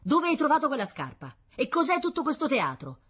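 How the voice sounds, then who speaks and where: A woman voicing an indignant middle-aged wife who scolds in a shrill voice. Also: huge pitch swings, brisk, a bit bright, full character voice.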